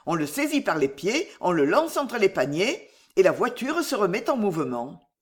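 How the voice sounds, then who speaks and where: A storyteller reading a medieval fox fable aloud in a steady, expressive way. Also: medium pitch, normal speed.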